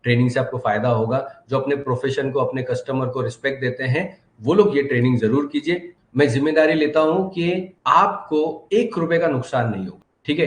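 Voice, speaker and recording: A man's voice: mid-range voice, echoey room. A man, a car diagnostics trainer answering questions in a live online class with confident, reassuring instruction.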